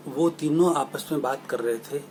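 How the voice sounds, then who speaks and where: A man delivers a storytelling religious talk in an earnest, humble way, pausing to apologise and to call his audience his dear brothers and sisters. His voice sits at an ordinary middle pitch for a man. A steady background hiss runs under the whole recording. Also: rough recording. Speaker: spiritual lecturer.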